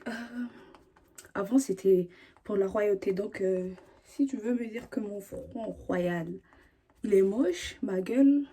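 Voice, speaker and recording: A woman's voice: mid-range voice, dark tone, husky. A young woman from Burundi chatting to the camera in a slangy way, full of fillers and restarts. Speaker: vlogger. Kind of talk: casual chat to camera.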